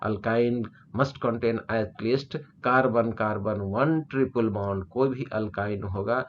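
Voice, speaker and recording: A chemistry teacher reads English definitions slowly, then explains them again in Hindi. He keeps checking that his students follow along. The recording sounds a little dull, with a faint hiss underneath. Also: lowish voice, steady tone. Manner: explanatory, repeats "ठीक है" often to check understanding. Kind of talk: classroom lecture mixing Hindi and English.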